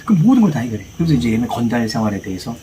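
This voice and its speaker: A man chatting casually as he retells a film story, acting out the dialogue in rough slang. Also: medium pitch, big pitch swings, very fast, warm tone, poor audio. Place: outdoor fishing spot. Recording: clear outdoor ambient noise.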